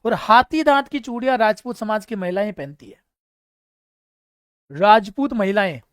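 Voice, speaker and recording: A man's voice: high voice, moderate pace, fairly bright tone, smooth, dry recording, clean studio sound. Man teaching an online quiz class. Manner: quizzing students, reading out names and praising them; storytelling with humor. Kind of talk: live exam-prep class.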